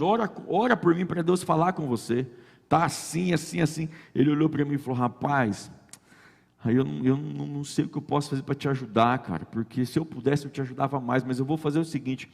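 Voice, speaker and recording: Husky man, lively storyteller. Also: fairly high pitch, fairly quick. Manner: lively storyteller who acts out quoted dialogue. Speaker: guest sharing a faith testimony. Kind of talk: personal testimony storytelling. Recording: long reverb.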